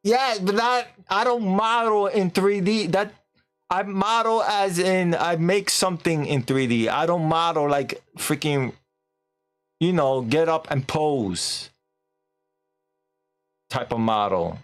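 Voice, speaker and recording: A man chats with his stream audience in a loose, animated way, laughing and swearing lightly. His pitch jumps widely while the pace stays relaxed and slow, with faint music playing underneath. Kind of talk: casual live-stream chat.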